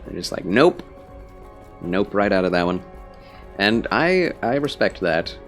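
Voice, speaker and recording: A man's voice: deep voice, lively intonation, normal speed, a bit bright, faint music behind. A man with a scratchy, phlegmy voice, tired and under the weather, chatting casually as he streams a game and talks to viewers in a rambling way. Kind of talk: casual livestream chat with game commentary.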